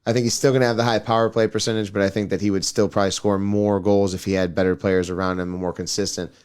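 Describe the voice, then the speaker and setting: A man's voice: lowish voice, little pitch movement, quick pace, darkish tone, smooth. A man co-hosting a podcast, rambling casually about sports with lots of hedging and restarts. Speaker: podcast co-host.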